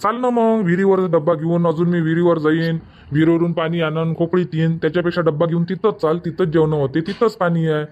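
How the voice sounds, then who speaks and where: For a comic cartoon dub, a performer voices an easygoing but argumentative village farmer husband, grumbling in a rustic Varhadi Marathi accent. The voice is mid-range and a little mellow, with fairly even intonation, a fast pace, and light acting.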